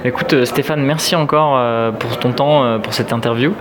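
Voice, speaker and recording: A man's voice: mid-range voice, normal speed. Casual male interviewer over background noise. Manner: casual, hesitant question phrasing. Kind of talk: conversational interview.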